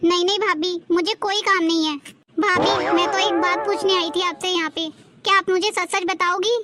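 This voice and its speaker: A woman's voice: very high-pitched, steady tone, moderate pace, over a noisy crowd. A young woman playing a married daughter who chatters about her household burdens in a family drama skit. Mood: gentle. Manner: complaining, talkative.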